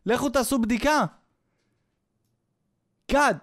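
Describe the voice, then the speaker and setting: A man's voice: extremely high pitch, fairly bright tone. A man hosting a podcast, delivering a sarcastic, scornful comedic rant. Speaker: podcast host.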